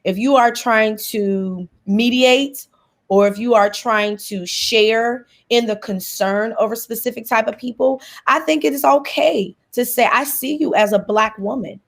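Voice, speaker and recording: A woman's voice: fairly high pitch, a little slow, creaky. A woman guest in a conversation, explaining her view thoughtfully with a lot of "like" and "kinda.". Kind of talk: casual conversation.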